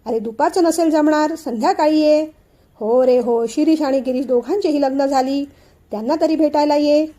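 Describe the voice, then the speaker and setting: A woman's voice: sits high, moderate pace, mellow, close to an everyday voice. A woman doing a hearty older father. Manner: hearty, insistent host. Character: cheerful older father of the house, a man.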